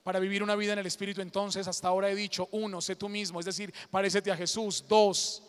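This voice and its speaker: A man's voice: sits high, level tone, fast. A man with an Antioquian Colombian accent, a priest giving a sermon-style conference, urging his audience on and telling a story with humorous asides. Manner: fervent exhortation, humorous asides. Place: large indoor coliseum. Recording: long reverb of a large arena.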